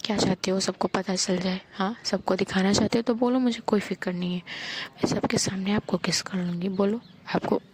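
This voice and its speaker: A woman's voice: mid-range voice, steady tone, fairly quick, slightly rough, natural voice. A woman voicing a bold, hot-tempered young woman in love who snaps in anger and then teases. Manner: sharp and bold, then teasing.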